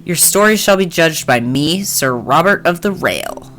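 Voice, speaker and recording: Pompous teen boy playing knight in a game, grand archaic proclamations, pitched up and loud, as a man puts him on. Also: expressive, unhurried, faint music behind. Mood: grandiose.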